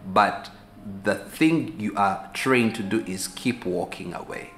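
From his seat on a sofa in a small room, a Ugandan pastor in his forties talks slowly and at a fairly low pitch, delivering a relaxed teaching sermon to the camera. He thinks aloud, repeating words and gesturing. The medium shot is taken from a few feet away, and the audio has echo and a faint hiss.

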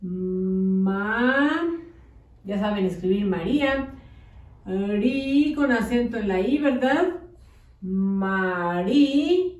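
A woman teaching a slow early-literacy lesson, drawing out syllables and coaxing children to follow along. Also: a little high, darkish tone. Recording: echoey room, mic at a distance.

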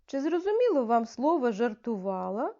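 A woman teacher leading a reading lesson for young children, giving slow, clearly articulated, coaxing instructions. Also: fairly high pitch, big pitch swings, a little mellow. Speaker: primary school teacher. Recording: dull, muffled lo-fi audio.

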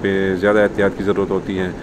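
A travel vlogger with a Pakistani accent gives casual commentary outdoors on a mountain pass, partly while riding a motorbike. His low voice moves fast with little change in pitch, and wind and vehicle noise fill the recording.

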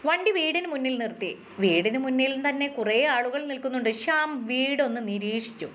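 A woman narrating a story in a steady, measured reading voice. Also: high voice. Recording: dull lo-fi with faint hiss.

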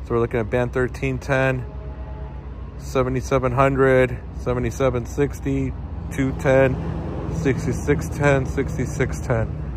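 At night on a city street near a stadium, a man films on his phone and casually reads speed test numbers to his viewers, calling them "guys." He's a tech vlogger testing phone networks, and his mid-range voice stays unhurried and relaxed. Passing traffic and street ambience come through the outdoor phone recording.

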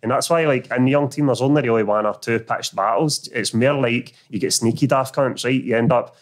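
A man's voice: mid-range voice, fairly quick. A man with a Glasgow street accent telling stories in a blunt, sweary, slangy way in casual chat. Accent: Glasgow area Scottish street accent. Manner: blunt, slangy, sweary, peppered with 'mate' and 'know what I mean'. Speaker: podcast guest. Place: small indoor podcast studio. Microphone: close studio microphone on a stand.

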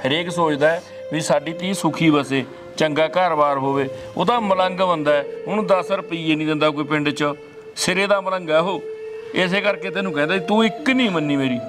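Guy playing a punjabi village dad, scolding but gentle, higher voice, music under it. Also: brisk, natural voice. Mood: consoling. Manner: scolding, then gently consoling. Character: older village father consoling his daughter. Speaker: father. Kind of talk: rural short film acting.

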